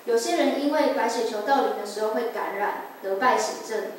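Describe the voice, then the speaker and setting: A woman's voice: on the high side, a little fast. A woman in her twenties giving an earnest, emotional personal testimony at a church service. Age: 20s. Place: church sanctuary. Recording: echoey church hall, distant mic, faint noise.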